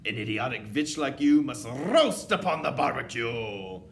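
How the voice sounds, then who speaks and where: A man's voice: mid-range voice, sing-song, measured pace, slight background noise, voice pushed up. A man voicing a tyrannical, furious female leader of witches in a storybook, shrieking commands and rhetorical questions. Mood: cold fury. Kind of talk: children's storybook read-aloud.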